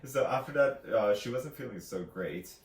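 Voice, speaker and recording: A man co-hosting a book discussion vlog casually retells a novel's plot in a medium-pitched, expressive voice at a moderate pace. He rambles and hesitates, slipping in offhand quotes from the characters. The room is echoey, with faint background noise.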